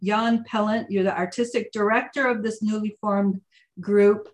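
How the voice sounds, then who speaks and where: A woman's voice: medium pitch, fairly even intonation, moderate pace. A woman hosting an interview on a video call, introducing her guests in a friendly, upbeat way. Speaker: interviewer host.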